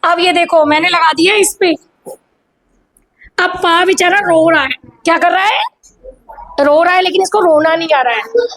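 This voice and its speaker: A woman's voice: extremely high pitch, moderate pace, long pauses, a bit bright. A woman teacher giving a classroom lesson, constantly quizzing her pupils in call-and-response. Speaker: primary school teacher. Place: school classroom.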